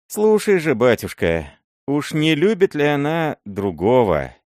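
A man voicing a timid, fawning old miller who pleads in a high, wheedling voice. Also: wildly swooping pitch, a little slow, a little mellow, dry recording, clean studio sound. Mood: fearful. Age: older. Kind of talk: audiobook character voice.

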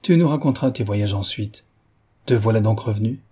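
A man voicing a jovial, loud middle-aged sugar refiner with a big, hearty voice, in a novel reading. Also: a little fast, breathy edge. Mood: bluff. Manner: booming, bluff.

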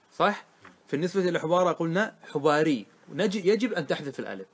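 Man, middle-aged, grammar teacher, fairly high voice, patient step-by-step explaining, slow recited verse quotes. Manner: explains step by step, checks understanding with short questions; recites verse lines slowly. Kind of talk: classroom grammar lesson.

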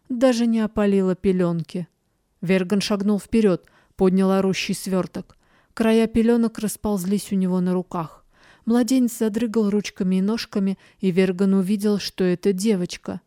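A woman reads a dark fantasy story aloud in a steady, measured way. Her pitch is middling for a woman. The recording is dry and close with no room sound. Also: dry recording. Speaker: audiobook narrator. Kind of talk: scripted fantasy narration.

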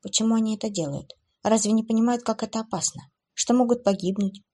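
A woman narrating a dark fantasy audiobook with an expressive, dramatic reading. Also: on the high side, fast talker.

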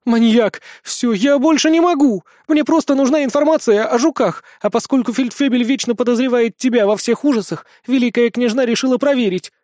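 Man doing a high, loud, scandalized old witch, a storybook figure forever indignant. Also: lively intonation, moderate pace, no echo, studio quality. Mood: outraged. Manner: shrill, indignant, pleading. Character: flustered old witch woman in young body.

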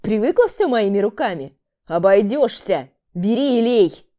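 A brutal, furious male killer who barks harsh insults, voiced by a woman reading an audiobook. The delivery is loud and rough, yet the underlying tone stays mellow and warm. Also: medium pitch, lively intonation, moderate pace, close to an everyday voice. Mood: angry. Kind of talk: audiobook character voice.

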